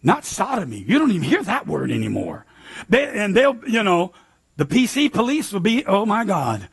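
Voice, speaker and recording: An older American man preaching a sermon in an animated, emphatic way, with sudden shouted lines and a slightly husky voice. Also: very high-pitched. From United States. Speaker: pastor.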